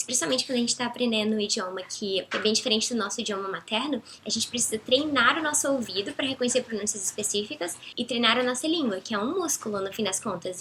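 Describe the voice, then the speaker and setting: A young Brazilian woman with a Brazilian Portuguese accent, patiently explaining English pronunciation as a teacher and slowing down for example phrases. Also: on the high side, pushed and bright. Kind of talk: explanatory language lesson.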